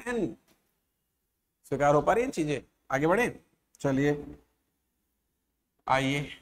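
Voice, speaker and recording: A man teaches an exam-prep English grammar lesson, slowly sounding out letters and words and often checking that his students are following. His voice sits high.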